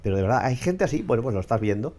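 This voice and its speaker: Man, mid-pitched voice, sarcastic and blunt, vlog commentary. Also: very animated, rapid-fire, darkish tone, a little hiss or hum. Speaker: vlogger commenting on clips and AI tools. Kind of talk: casual commentary.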